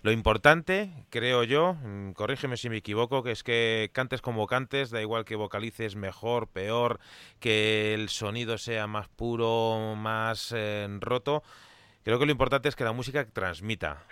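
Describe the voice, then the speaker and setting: A man hosting a radio interview, with a bright, tense tone and a smooth, crisp voice. The sound is very dry, as if close to the mic in a damped booth, and he speaks with keen, emphatic energy. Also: lowish voice, a little slow, no room sound. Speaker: radio host.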